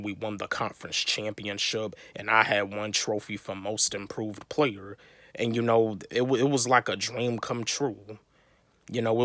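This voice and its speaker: A young man speaks in a low voice, recorded dry and close. He gives a motivational talk to camera, looping back on himself, restarting phrases and leaning on fillers. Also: a bit bright, dry recording. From North Carolina, USA. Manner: rambling, repetitive, many fillers and restarts. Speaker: vlogger.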